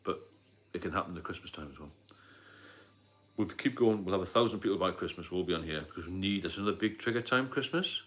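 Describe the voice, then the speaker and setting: He is a middle-aged British sobriety mentor hosting a casual live stream in a deep, low, somewhat bright voice. A fast talker, he rambles repetitively with many fillers and coughs.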